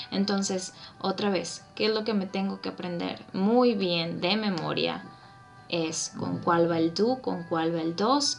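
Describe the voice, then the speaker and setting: A woman's voice: medium pitch, vocal fry. A woman teaching English grammar, patient, repeating points and checking in with her students.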